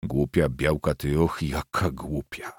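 Audiobook: man doing a deep, sulky, slow-grumbling village priest. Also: big pitch swings, darkish tone, no echo, clean studio sound. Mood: sullen.

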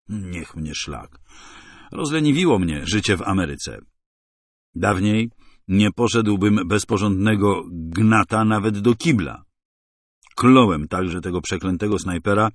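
A man with a low, steady voice narrates a tense first-person thriller. His delivery is wry and hard-boiled, measured and unhurried. The recording is close and dry. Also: no room sound. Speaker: audiobook narrator.

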